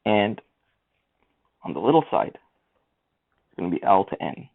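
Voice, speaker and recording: A man's voice: lowish voice, very animated, slow pace, vocal fry. A man teaching a math lesson, talking through each step of the working aloud. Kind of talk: screen-recorded lesson walkthrough. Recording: tinny lo-fi mic.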